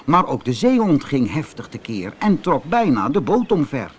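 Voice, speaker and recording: A man from the Netherlands reading a fairy tale aloud in an expressive, measured storytelling manner. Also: medium pitch, slight background noise.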